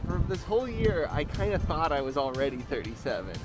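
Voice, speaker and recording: Lively man in his thirties, loud music. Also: a little high, fairly quick, rough recording. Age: 30s. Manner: relaxed, storytelling, animated. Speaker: vlog co-host, partner. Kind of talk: casual chat. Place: outdoors on a city street.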